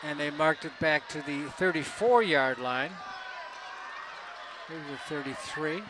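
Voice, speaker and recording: A man announcing play-by-play at a local high school football game, calling each play and rising to shouts on big runs. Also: unhurried. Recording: outdoor stadium with crowd and noise. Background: crowd and field noise.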